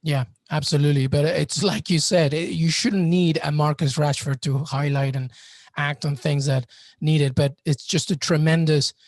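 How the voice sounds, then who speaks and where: Higher-pitched, gravelly male podcast host. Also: fairly even intonation, no room sound, studio quality. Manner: effusive, halting with repeated starts. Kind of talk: conversational interviewing.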